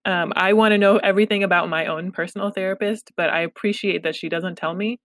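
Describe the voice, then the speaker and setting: A therapist from Los Angeles, United States, who speaks Pashto, is the guest in a conversational interview. Her medium-pitched voice is steady and fast, and she talks candidly and reflectively with self-deprecating humor. There is no echo.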